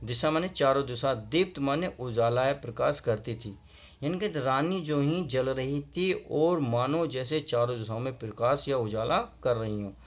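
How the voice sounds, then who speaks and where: A man teaching a Hindi poem to school students, reading verse lines slowly and then explaining them in plain, friendly talk. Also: mid-range voice. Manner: addresses students fondly, often asks if they understood.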